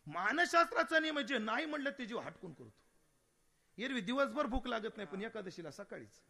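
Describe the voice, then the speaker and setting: A man preaches a devotional kirtan sermon in a very high-pitched voice with vocal fry, a little fast, animated and humorous, posing rhetorical questions and breaking into sung verses.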